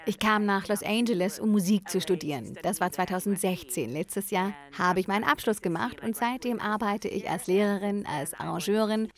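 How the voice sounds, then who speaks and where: A woman's voice: medium pitch, moderate pace, few pauses. A woman in her early twenties from Nebraska, a singer and songwriter answering interview questions in an earnest, plain-spoken way. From Nebraska, USA. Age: 20s.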